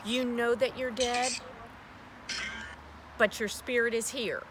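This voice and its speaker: A woman's voice: on the high side, steady tone, slow. A woman hosting a spirit box session, putting questions to spirits aloud and often repeating herself. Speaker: paranormal investigator host. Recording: noisy recording with clicks.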